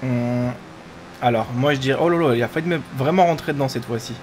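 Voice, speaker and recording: A man's voice: medium pitch, quick pace, a little mellow, slight background noise. A man hosting a gaming video with casual, chatty commentary, often talking to himself.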